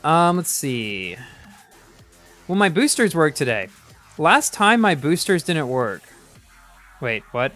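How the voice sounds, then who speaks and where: Male live streamer, bright animated voice, casual running commentary over faint music. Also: on the high side, takes it slowly, pauses often. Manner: chatty, reacts aloud to the game, many restarts. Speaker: game streamer.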